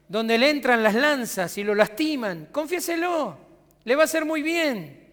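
The pastor here has a very high-pitched, fairly bright voice that leaves a long reverb tail in the sanctuary. He speaks Rioplatense Spanish and delivers a conversational sermon, putting rhetorical questions to his congregation.

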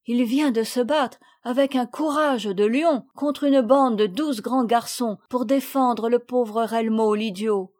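A woman voicing an earnest, brave older boy in a storybook reading, with a warm, protective manner. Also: on the high side, slow, hardly any pauses. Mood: spirited.

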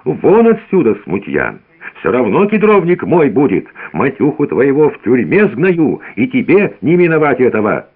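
A man reading a furious, hoarse rich peasant who shouts at the villagers, in a tinny radio recording. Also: medium pitch, huge pitch swings, takes it slowly, long pauses, voice pushed up, heavily acted.

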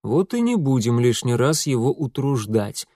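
A man's voice: mid-range voice, very animated, normal speed, mellow, dry recording, clean studio sound. Reader as a wry middle-aged detective father. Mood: businesslike. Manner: wry, businesslike.

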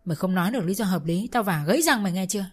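A woman's voice: medium pitch, lively intonation, very fast, breathy edge. A woman voicing an angry older father-in-law who scolds harshly and makes threats. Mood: furious.

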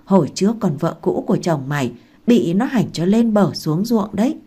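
A woman reading aloud and voicing a blunt, gruff old village woman who scolds loudly and talks coarsely. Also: medium pitch, lively intonation, moderate pace. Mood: scolding.

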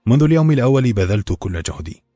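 A man reading a novel aloud with steady, measured storytelling. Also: mid-range voice, no echo, studio quality, soft background music. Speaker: audiobook narrator. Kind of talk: scripted novel narration.

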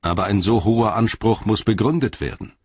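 A man playing a grave, commanding captain who questions sternly, with a deep, husky voice. The storybook recording is dry and muffled. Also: a little fast, a little mellow, no echo. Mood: probing. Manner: stern, interrogating.

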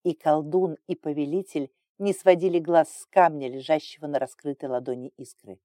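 A woman narrating a fantasy audiobook in an even, measured storytelling manner. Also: low voice, no echo.

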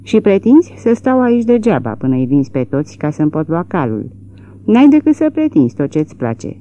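A woman voicing a hoarse, exhausted male farmer who is stubborn and demanding. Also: fairly high pitch, sing-song, mellow, highs cut off. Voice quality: hoarse, worn out.

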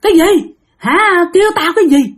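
Woman doing a vengeful male spirit, Southern Vietnamese accent, screaming, high, husky, ghost story telling. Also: animated, a little fast. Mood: furious. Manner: screaming, scolding, accusing. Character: furious vengeful male spirit possessing a boy.

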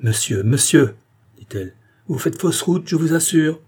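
A man's voice: medium pitch, normal speed, dark tone, husky, natural voice. A man voicing a haughty, imperious queen in an audiobook, speaking in a commanding and indignant way. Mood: threatening.

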